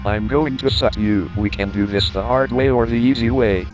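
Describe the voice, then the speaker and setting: A man voicing a foul-mouthed male construction robot turned bounty hunter, in a flat robotic monotone with gruff threatening one-liners. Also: mid-range voice, moderate pace, pitched above the performer's own voice, lightly acted. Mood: menacing. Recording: dull lo-fi sound over music.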